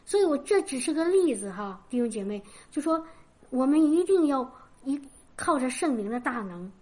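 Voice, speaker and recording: A woman's voice: high-pitched, very animated, normal speed, darkish tone. A woman in her forties preaching to her congregation in a conversational way, telling personal stories. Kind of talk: sermon.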